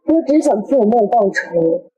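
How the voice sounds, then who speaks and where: An actress playing a cold, vengeful young woman who speaks in a measured, coolly threatening way. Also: medium pitch, lively intonation, warm tone, breathy edge, lo-fi sound. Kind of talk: short web drama acting.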